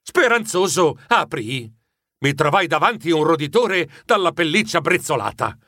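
A man narrating a children's story in an expressive, dramatic first-person style. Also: fairly high pitch, moderate pace, dry recording, clean studio sound. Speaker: audiobook narrator.

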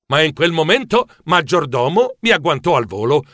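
A man narrating a children's story with playful theatricality. His voice sits a bit high and moves expressively, recorded close and dry. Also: sing-song, normal speed, a bit bright, no echo. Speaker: audiobook narrator.

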